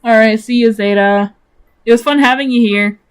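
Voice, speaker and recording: A young woman streamer chatting casually about her characters, animated, swearing freely and laughing often. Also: on the high side, normal speed, clear, resonant tone.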